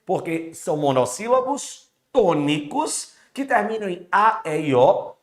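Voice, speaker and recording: A man's voice: high-pitched, very animated, measured pace, echoey room. A man co-presenting a televised Portuguese lesson, chatty and constantly checking in with tag questions. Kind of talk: lively classroom presenting.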